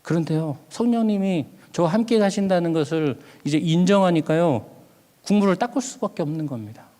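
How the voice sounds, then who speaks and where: In a church sanctuary with long hall reverb, a middle-aged male pastor preaches a sermon built around a personal story, acting out words he once said. His voice is high-pitched, animated, fairly quick, and dark in tone.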